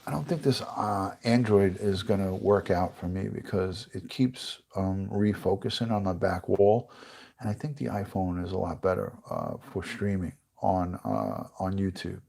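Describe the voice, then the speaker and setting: Animated at a normal speed, a middle-aged American retired detective chats on a livestream, rambling and reading viewer comments. His low-pitched male voice is gravelly and darkish, with a congested, stuffy sound.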